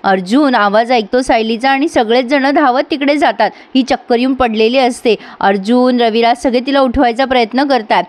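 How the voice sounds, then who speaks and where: A woman recaps a TV serial in a chatty voice-over, turning to her viewers to comment on the scenes. Her voice is high and the recording is close and dry, with no room sound. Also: moderate pace, hardly any pauses, no echo. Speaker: TV serial reviewer.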